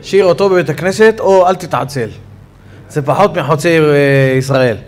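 A man teaching a Torah lesson on Sabbath law in a study hall, with an Israeli accent, telling stories with a voice that rises sharply when he gets excited. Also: a little high, a little hiss or hum. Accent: Israeli Hebrew. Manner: animated storytelling, voice rising sharply when excited. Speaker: rabbi teaching a Torah class.

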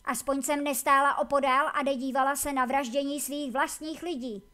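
A woman voicing a proud, vengeful female warden who is imprisoned and bitter, with sharp, scornful retorts. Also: sits high, steady tone.

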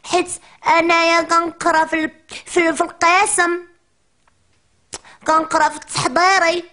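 A woman's voice: very high voice, flat delivery, normal speed, pushed and bright. A woman with a Moroccan accent playing a chatty, cheeky little preschool girl in a comic monologue, complaining in a whiny childish chatter.

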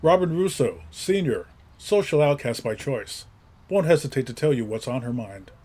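A male narrator reading out character introductions in short, crisp phrases. His voice is husky and a little breathy, at an ordinary mid pitch. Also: sing-song, normal speed, warm tone. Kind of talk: scripted narration.

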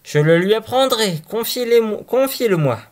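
A man's voice: high-pitched, animated, normal speed, voice pushed up. A man reading a fairy tale aloud, voicing a confident, scheming village sexton. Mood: self-assured.

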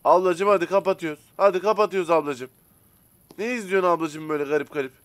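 A man casually commenting as he plays a simulator game, chatting to viewers and to the characters, and bursting out loudly when annoyed. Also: high-pitched, fast talker, no room sound. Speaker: gaming streamer. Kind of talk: casual let's-play commentary.

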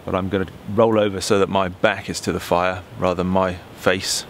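A tired man in his forties with an English accent talks casually to the camera while busy with his hands, low in pitch and wry about his own efforts. He is outdoors in woodland at night on a camera mic. A faint rumble sits under the voice. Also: fairly quick. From England. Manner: relaxed, self-deprecating, talks while working with his hands. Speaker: bushcraft vlogger. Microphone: camera mic, close framing.

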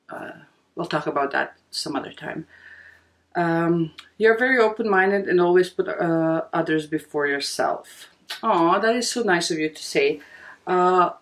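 Slow, low-voiced woman with Bosnian accent. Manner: rambling, hesitant, many fillers. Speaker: vlogger. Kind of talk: casual chat to camera. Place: bedroom, indoors. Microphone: camera at desk distance.

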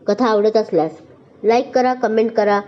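A woman's voice: on the high side, moderate pace, lo-fi sound. A woman narrating a scripted story aloud, voicing each character herself with small changes in her voice. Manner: reads all characters with small voice shifts.

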